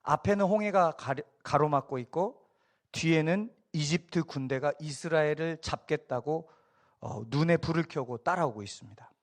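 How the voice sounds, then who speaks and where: A man's voice: on the high side, normal speed. A middle-aged man preaching a Sunday sermon as a pastor, telling stories and acting out the people he quotes. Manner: animated storytelling, acts out quoted voices.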